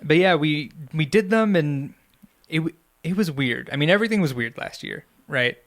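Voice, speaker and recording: On the high side and fairly bright, this man's voice is expressive and moves at a normal speed. He's co-hosting a podcast, rambling through stories in a casual chat packed with fillers.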